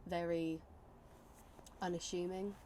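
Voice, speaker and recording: Low mellow woman, cheeky. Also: level tone, takes it slowly, slight background noise. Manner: laughs easily, cheeky banter. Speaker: podcast co-host. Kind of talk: casual chat.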